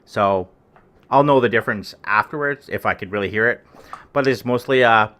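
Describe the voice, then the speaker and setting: A man talks into a close desk microphone in his living room. His voice sits a little low but has a bright, forceful edge. He rambles in an offhand way and swears freely. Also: normal speed. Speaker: vlogger testing gear. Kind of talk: casual home demo. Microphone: close desk microphone with homemade foam cover.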